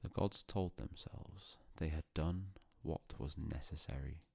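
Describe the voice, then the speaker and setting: A man narrating a calm bedtime story in a hushed, solemn, unhurried way with long pauses. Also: extremely low pitch, vocal fry, slightly rough, dry recording.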